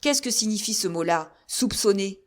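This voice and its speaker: A woman voicing a stern male general with calm authority, scolding his soldiers with rhetorical reproaches. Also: mid-range voice, moderate pace, lightly acted. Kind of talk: audiobook character reading.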